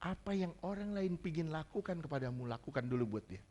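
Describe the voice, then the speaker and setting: A man preaching a sermon as pastor, joking and animated. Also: fairly high pitch, fairly quick.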